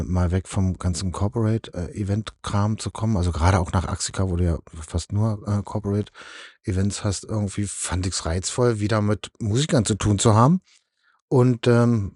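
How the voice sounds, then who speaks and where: A man's voice: sits low, a little mellow, no room sound, studio quality. A man from eastern Germany answering interview questions casually, rambling with many fillers and restarts. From East Germany. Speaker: project manager in event lighting.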